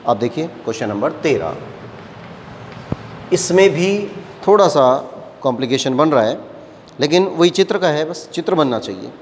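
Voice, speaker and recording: A man's voice: fairly high pitch, expressive, slight background noise. Patient man teaching maths in an echoey room. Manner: slow, patient explaining, often checking "है ना". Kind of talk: classroom lecture at a board. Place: classroom with a board.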